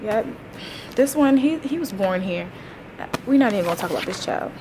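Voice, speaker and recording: Here a twentysomething teacher and vlogger chats informally with viewers, her medium-pitched voice expressive and her pace normal. She's slangy, tossing in wry asides, while background noise runs underneath.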